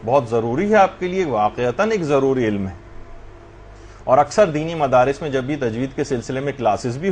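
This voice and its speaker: A man's voice: fairly high pitch, a little hiss or hum. A man teaching a religious class, lecturing earnestly and addressing his students directly.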